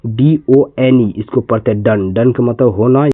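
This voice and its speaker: A man's voice: medium pitch, a little slow, no room sound. A man from India teaching an English reading lesson, spelling words letter by letter and repeating them patiently. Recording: tinny, phone-like lo-fi sound.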